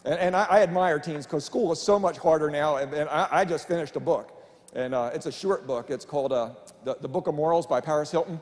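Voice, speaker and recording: A man's voice: on the high side, a little fast. A middle-aged man doing family-friendly stand-up comedy, chatty and self-deprecating, on a church stage before a live audience. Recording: live hall with long reverb and faint room noise.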